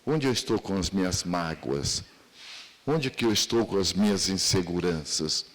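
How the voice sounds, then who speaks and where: A man's voice: deep voice, animated, measured pace, big-room sound. A man with a Brazilian accent giving a spiritual lecture at a seminar, asking many rhetorical questions.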